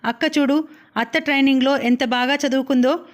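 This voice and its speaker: A woman reading as a calm young man. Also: high-pitched, fairly quick, close to an everyday voice. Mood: persuasive. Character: young man, reasonable brother.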